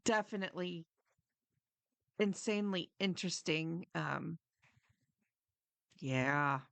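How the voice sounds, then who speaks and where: A woman with a creaky edge to her voice chats casually to viewers as a game streamer. She rambles slowly, friendly and apologetic, a bit flustered. The sound is close and dry, slightly muffled. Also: lowish voice, a bit bright, dry recording. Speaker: live game streamer, host. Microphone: microphone a few inches away.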